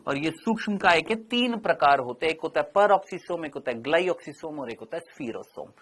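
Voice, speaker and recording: A middle-aged male teacher giving a biology lecture, asking questions and answering them himself, and drawing out key words slowly. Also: a little high, lively intonation, a bit bright. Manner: stretches out key terms slowly.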